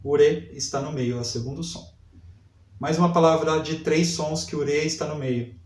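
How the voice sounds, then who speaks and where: A man teaching a literacy lesson, sounding out syllables slowly and repeating each word. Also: on the high side, fairly even intonation, darkish tone, recorded from a distance. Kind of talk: slow spelling lesson for adult learners. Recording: echoey room, voice set back from mic.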